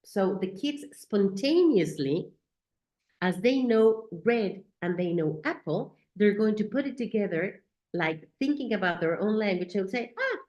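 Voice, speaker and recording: In an echoey room, a Spanish-speaking teacher trainer gives an educational talk on teaching in accented English, frequently adding "right?" and "okay?". Her mid-range voice has a darkish tone, and she sounds animated at a measured pace.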